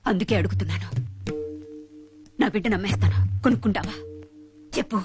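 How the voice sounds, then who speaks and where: A woman's voice: mid-range voice, a little fast, close to an everyday voice. A woman playing a poor mother, tearful and pleading, over film music. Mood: anguished. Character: destitute young mother selling her son. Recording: film soundtrack with loud music.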